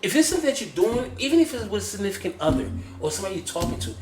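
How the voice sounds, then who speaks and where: Guy on a podcast, talks fast, kinda high voice, echoey room. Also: background noise. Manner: animated storyteller, repeats himself, says "you feel me". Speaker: podcast host. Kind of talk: casual podcast storytelling.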